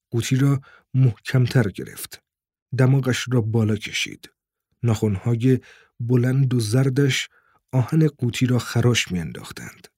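A man reading a novel aloud in calm, measured narration. His voice is husky with a breathy edge, and the recording is close and dry with no room echo. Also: medium pitch. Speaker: audiobook narrator. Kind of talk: scripted narration.

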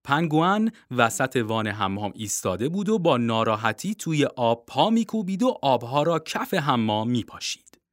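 A narrator reading a children's storybook aloud, expressive and quick, switching into character voices. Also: medium pitch, no room sound, clean studio sound.

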